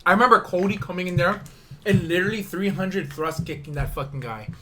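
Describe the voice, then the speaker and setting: High-pitched brash frat-bro guy from Hawaii. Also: a little fast, sharp tone, slight background noise. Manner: frat-bro banter, brash, slangy and profane. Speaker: podcast co-host. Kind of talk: casual group podcast chat.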